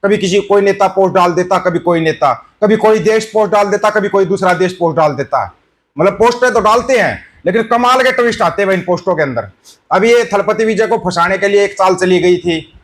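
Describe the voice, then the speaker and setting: A man doing a political commentary vlog, reading news items aloud and scolding their authors, calling his viewers brothers. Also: high voice.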